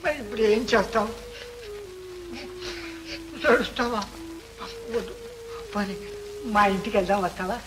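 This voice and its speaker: An actor playing a gentle grieving father who softly coaxes a lost girl and consoles his wife, in vintage film dialogue. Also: high voice, moderate pace, long pauses, noisy background, close to an everyday voice. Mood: coaxing. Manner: soft, coaxing and consoling.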